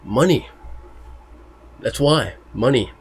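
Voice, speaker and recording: A man's voice: mid-range voice, lively intonation, slow. A man talking casually to his viewers, loose and profane, with lots of fillers. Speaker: YouTuber warning about online scams. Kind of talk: casual talk to camera.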